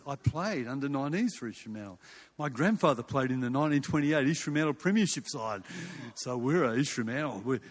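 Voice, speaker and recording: With a breathy edge to his mid-range voice, an older Australian-accented preacher from Western Australia delivers a sermon in an informal, story-telling manner. Rhetorical questions and repetition run through it, and the audio echoes like a large hall or church.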